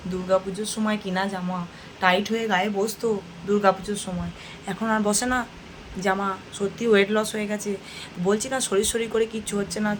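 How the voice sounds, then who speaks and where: A woman's voice: mid-range voice, poor audio. A woman in her thirties with a West Bengal Bengali accent, chatting to her viewers in a home vlog and often repeating herself. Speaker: home vlogger. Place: home kitchen. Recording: running tap noise in kitchen.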